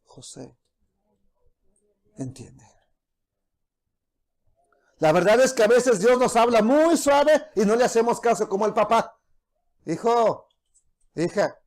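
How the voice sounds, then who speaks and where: A middle-aged man preaching a sermon to his congregation, often slipping into soft, low voices to act out the people he quotes. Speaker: pastor.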